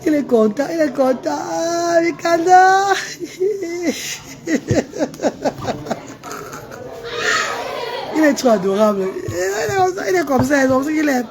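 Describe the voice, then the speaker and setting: A woman's voice: sits high, brisk, few pauses. A woman hosting a casual live stream, talking to her viewers and coaxing a child beside her. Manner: animated, coaxing a child between remarks to viewers.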